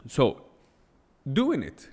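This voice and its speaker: Very slowly, with huge pitch swings, a medium-pitched man holds forth alone on his podcast, his darkish voice carrying a breathy edge and the sound of a large room. He speaks off the cuff, blunt and forceful, asking rhetorical question after rhetorical question, and English is a second language for him.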